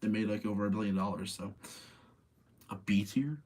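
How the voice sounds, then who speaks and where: Hosting a live stream where movies get rated, a man with a lowish, slightly mellow voice speaks at a moderate pace. He's casual and opinionated, arguing with himself and repeating phrases for emphasis.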